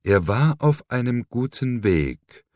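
A man's voice: medium pitch, big pitch swings, slow pace, dark tone, no room sound, studio quality, pitched above the performer's own voice. A man voicing a mocking, menacing villain who sneers and hisses, in an audiobook reading. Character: mocking sinister man, cold cult leader.

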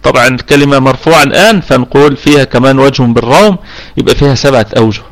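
A man from Egypt with an Egyptian Arabic accent, teaching Quran recitation rules in a live online lesson. He explains step by step, often checks that the listener follows, and slows down to demonstrate sounds. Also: medium pitch, poor audio. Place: home room over online voice chat.

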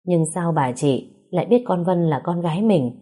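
Woman doing a calm, soothing father. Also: fairly low pitch, moderate pace, husky.

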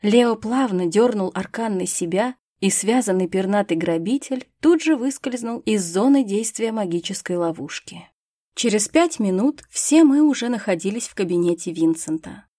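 A woman narrating a first-person audiobook in a steady, clear storytelling manner. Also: medium pitch, moderate pace, no echo, studio quality.

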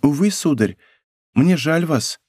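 A man reading an audiobook voices a gentle young female maid who speaks softly and pityingly. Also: fairly high pitch, animated, slow, breathy edge, dry recording, clean studio sound, full character voice.

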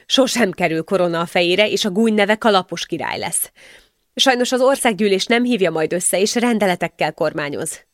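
Woman audiobook narrator, low gravelly voice, measured first-person reading, dry close mic. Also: no room sound.

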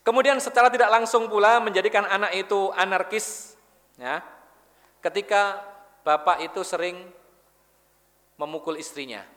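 With a high and slightly bright voice, an Islamic preacher lectures on religion inside a mosque, sharing stories and questioning his listeners. The recording carries the long reverb of the mosque hall.

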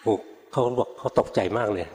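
An older man, a Buddhist monk, giving a relaxed, chatty Dharma talk full of stories and soft particles. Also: normal speed. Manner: relaxed, conversational teaching with frequent particles and anecdotes. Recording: long hall reverb.

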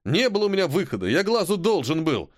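A man's voice: high voice, very animated, fast talker, dry recording, studio quality, voice pushed up. A man doing a whiny teenage schoolboy. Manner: whining, wheedling. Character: whiny cowardly teenage boy, a pestering schoolmate.

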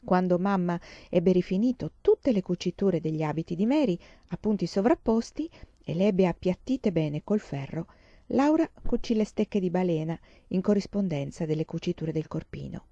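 A woman reading a storybook aloud in a calm, measured narration. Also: on the low side, no echo, lo-fi sound. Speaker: audiobook reader.

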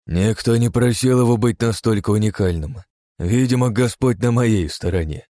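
A man voicing a furious, greedy aristocrat who shouts and snarls. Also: on the low side, moderate pace, dry recording, voice pushed up, natural voice. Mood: gloating. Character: furious greedy middle-aged male aristocrat.

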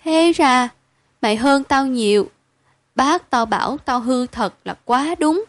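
A woman reading aloud and voicing a sheltered, soft-hearted boy who speaks earnestly. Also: sits high, animated, takes it slowly, no room sound. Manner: earnest, questioning.

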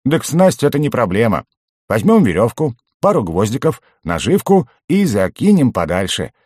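A man's voice: mid-range voice, big pitch swings, darkish tone, breathy edge, no echo, studio quality, pitched above the performer's own voice. Field: older squad leader. Figure: a man doing a folksy old soldier. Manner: unhurried, folksy. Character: steady older male squad leader, easygoing.

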